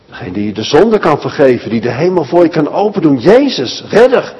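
A male preacher tells a Bible story to children, speaking to them directly. His voice sits fairly high and swings widely in pitch, with a husky edge. A long hall reverb carries his words around the church. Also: sing-song, quick pace, darkish tone, dull audio. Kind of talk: children's sermon.

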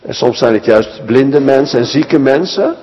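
A man preaching a children's sermon, telling a Bible story in a lively way and speaking directly to the children. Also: mid-range voice, unhurried, breathy edge, long reverb tail, highs cut off.

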